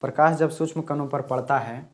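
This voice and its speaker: A man's voice: a little high, fairly even intonation, fairly quick, a little mellow. Man teaching physics. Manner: explains step by step, repeats key words. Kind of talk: classroom lesson at a board.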